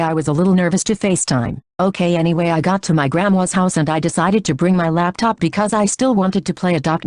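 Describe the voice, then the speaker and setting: A young woman telling an absurd story in a flat, deadpan way. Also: fairly low pitch, no room sound. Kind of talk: casual storytime.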